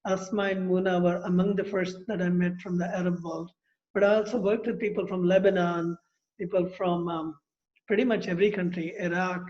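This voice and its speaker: A man's voice: high voice, muffled recording. A man hosting a casual conversation, speaking in an inviting way with some fillers. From rural India. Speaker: host.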